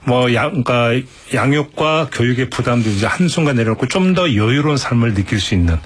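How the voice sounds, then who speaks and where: A man's voice: mid-range voice, expressive, a little fast, husky. A man hosting a broadcast talk show, leading the chat with joking interjections. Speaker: host.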